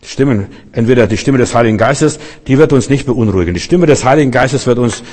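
A man's voice: mid-range voice, lively intonation, fast, darkish tone. A male pastor preaching a sermon and leading a closing prayer, emphatic and repetitive, speaking straight to his listeners. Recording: long hall reverb.

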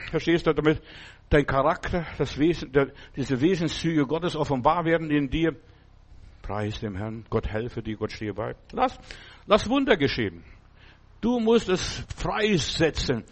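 A man giving an informal, exhorting sermon, repeating his calls and often asking if you understand. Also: on the high side. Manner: exhorting, repetitive, keeps asking "verstehst du". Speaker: preacher.

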